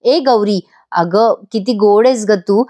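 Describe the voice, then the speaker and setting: A woman voicing a remorseful, warm young sister-in-law in a voice-over episode recap, earnest and apologetic. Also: mid-range voice, takes it slowly, natural voice. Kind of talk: voice-over recap reading a character's lines.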